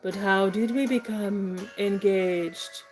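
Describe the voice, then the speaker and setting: A woman playing a lovestruck, impulsive young gentleman suitor in a comic stage play, with halting, effusive declamation. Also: medium pitch, fairly even intonation, soft background music, close to an everyday voice, poor audio. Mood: bewildered.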